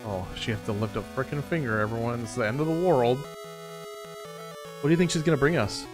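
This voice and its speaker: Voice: mid-range voice, moderate pace, poor audio. A game streamer co-hosting a playthrough with casual, reactive commentary and chat. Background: video game music.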